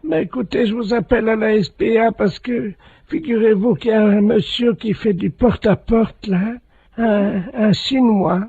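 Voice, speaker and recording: Man putting on a husky, gossipy housewife on landline phone. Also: sits high, normal speed, no room sound, full character voice. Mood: chatty, insistent. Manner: naive, chatty, insistent. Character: gossipy, flustered housewife reporting a neighbourhood scandal. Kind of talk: prank phone call role-play. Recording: muffled landline phone, dry.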